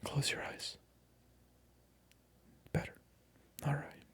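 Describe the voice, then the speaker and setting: Slowly and in a slightly bright whisper, an ASMR video creator speaks close to the microphone to the viewer. The tone is teasing and mock-indignant, and the words repeat.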